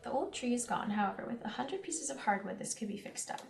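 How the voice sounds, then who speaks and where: A woman's voice: fairly high pitch, fast talker, vocal fry, reverberant, soft background music. A young woman from Canada with a central Canadian accent, chatting casually with her viewers while playing a farming game. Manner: chatty, reads chat aloud, giggly asides. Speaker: streamer. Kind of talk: casual gameplay chat.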